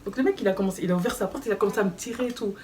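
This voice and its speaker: A woman's voice: medium pitch, very fast. Slangy young woman telling a storytime vlog. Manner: animated, slangy, acts out quoted dialogue. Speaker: vlogger. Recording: slightly distant mic with faint background noise.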